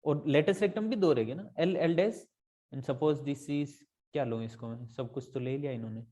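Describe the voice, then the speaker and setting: A man's voice: a little high, moderate pace, warm tone. A male math tutor explaining step by step in a casual tutoring lesson, often checking whether his students follow and mixing in English math terms.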